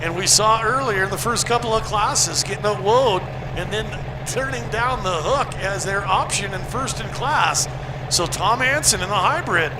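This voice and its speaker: A man working as a tractor pull announcer, calling a live sled pull with excited, drawn-out calls. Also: sits high. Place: outdoor motorsport event over engine noise. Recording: noisy outdoor event, engine noise.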